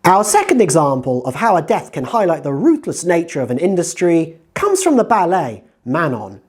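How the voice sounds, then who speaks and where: A woman giving scripted narration for a writing-tips video, explaining in a measured way with strong emphasis. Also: fairly low pitch, very animated, a little mellow.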